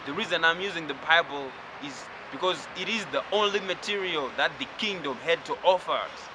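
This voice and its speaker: A man from Zimbabwe giving a spiritual lecture, talking slowly and reflectively and addressing the listener directly. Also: fairly high pitch, noisy background.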